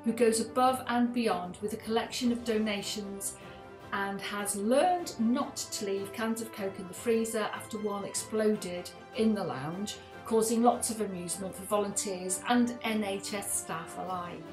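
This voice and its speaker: A middle-aged woman presenting awards over a video call, reading each citation at a measured pace. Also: medium pitch. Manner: measured, reads from a script. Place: attic room at home. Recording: roomy video call audio with music.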